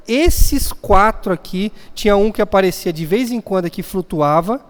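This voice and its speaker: High-voiced man preaching in a church hall. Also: expressive, normal speed. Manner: storytelling, acting out family scenes. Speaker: pastor. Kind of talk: sermon. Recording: long church hall reverb.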